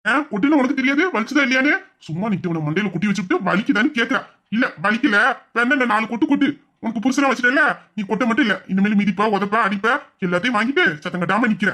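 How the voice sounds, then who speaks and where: A man's voice: high voice, fast talker, bright, forceful tone. A man playing a teasing young husband in an audio drama, mock-stern and scolding. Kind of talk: Tamil audio drama acting.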